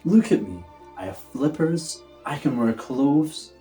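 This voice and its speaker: Guy doing a hammy giddy storybook penguin, big kid energy, pitch all over the place, slowish. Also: lively intonation, dark tone, soft background music. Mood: gleeful. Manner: hammy, theatrical, gleeful and easily distracted. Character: huge excitable childlike male pet in penguin body.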